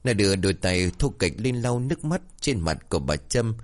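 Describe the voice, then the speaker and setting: A man narrating a dramatic ghost story in an expressive storytelling style. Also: fairly low pitch, normal speed.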